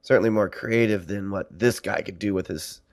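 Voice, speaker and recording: A man's voice: lowish voice, fairly even intonation, moderate pace. A man from Nebraska hosting his own podcast in a wry, self-deprecating monologue, his voice strained while he recovers from being poisoned. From Nebraska, USA. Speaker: podcast host.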